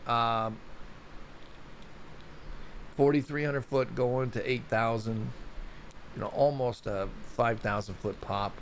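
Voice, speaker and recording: A man's voice: medium pitch, fairly even intonation, takes it slowly, pauses often, a little hiss or hum. A man hosting a casual solo news report on volcanoes, rambling and chatty, often stumbling over place names. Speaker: show host.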